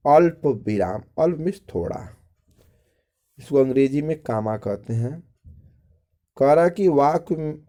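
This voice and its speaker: A man gives a school grammar lesson in a warm, mellow voice of ordinary pitch. He explains patiently to children, repeating phrases and stopping to ask if they follow. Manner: explains step by step, repeating phrases and asking "ठीक?". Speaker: teacher.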